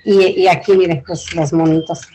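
A woman's voice: lowish voice, steady tone, moderate pace, mellow. Mexican woman presenting informally, faint background noise. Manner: rambling, colloquial, earnest. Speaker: invited community leader.

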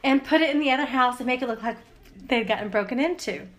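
Animated woman telling a story. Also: sits high, fast. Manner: animated, laughs while telling, swears freely. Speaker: podcast co-host. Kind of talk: casual storytelling chat.

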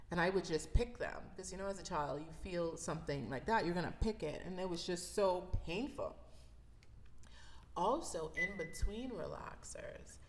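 A woman in her thirties from the Bahamas, hosting a podcast and telling personal stories in a reflective, conversational way. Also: lowish voice. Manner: reflective, conversational, with fillers and laughs. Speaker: podcast host. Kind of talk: personal storytelling monologue.

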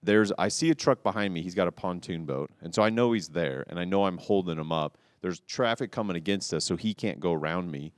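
A man on a casual talk show, telling a rambling story with restarts and loud quoted outbursts. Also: deep voice, a little fast, hardly any pauses, no room sound, studio quality. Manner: animated, rambling, restarts, quotes people loudly. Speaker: podcast co-host telling a cycling story.

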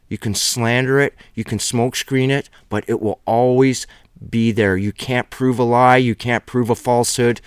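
A man's voice: lowish voice, clean tone, no echo, studio quality. A middle-aged man giving an earnest, emphatic Bible teaching by video, with a preacher's fervor.

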